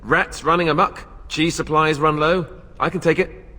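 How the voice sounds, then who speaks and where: A man's voice: on the high side, fairly even intonation, moderate pace, sharp tone. An actor playing a boyish, sarcastic young king-to-be in a fantasy game, joking and exasperated, in a reverberant space. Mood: wry, curious. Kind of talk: dramatic fantasy game dialogue. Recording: long reverberant hall echo.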